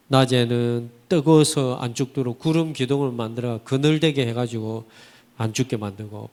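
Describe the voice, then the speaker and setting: A man preaching a Sunday sermon, asking his congregation rhetorical questions and using vivid everyday expressions. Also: mid-range voice. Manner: animated, vivid colloquial storytelling. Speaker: pastor. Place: church sanctuary. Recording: church hall reverb.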